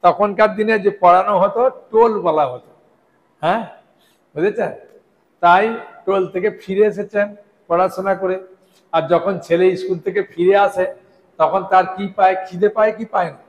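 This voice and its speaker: A man preaching a devotional sermon to a live audience, speaking slowly and deliberately and often checking in with his listeners with questions. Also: high-pitched, steady tone. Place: hall with a gathered audience. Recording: echoey hall.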